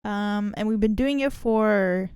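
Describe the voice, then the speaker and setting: A woman's voice: mid-range voice, slow, a little mellow, smooth, dry recording, studio quality. A young woman hosting a podcast in casual, chatty talk that rambles a little. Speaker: podcast host. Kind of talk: casual chat.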